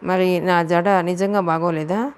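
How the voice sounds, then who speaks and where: A woman's voice: on the low side, steady tone, unhurried, clean tone, natural voice. A woman voicing a shy, childlike young woman in an audiobook novel, speaking meekly and pleading. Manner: meek, pleading.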